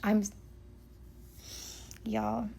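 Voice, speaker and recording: A woman with a gravelly, creaky voice vents to her camera. She sounds exasperated and keeps asking rhetorical questions. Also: mid-range voice, monotone, extremely slow, dark tone. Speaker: social media poster. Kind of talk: venting to camera.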